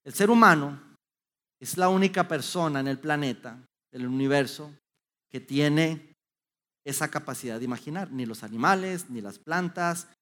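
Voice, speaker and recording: A middle-aged man gives a motivational talk to an audience. He tells stories in an animated way, with many restarts. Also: on the high side, moderate pace. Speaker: youth speaker.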